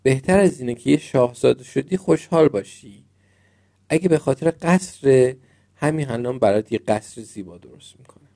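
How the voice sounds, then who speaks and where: A man voicing a kind young female fairy in training, speaking gently and soothingly in a storybook reading. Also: mid-range voice, gravelly, natural voice.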